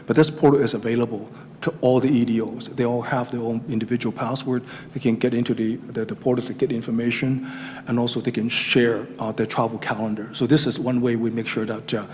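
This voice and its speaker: A man's voice: medium pitch, a little mellow. A middle-aged man with a Chinese accent giving a formal presentation to a town council, speaking hesitantly with many fillers and restarts. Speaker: regional economic development presenter. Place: council chamber. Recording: hall reverb with faint room noise.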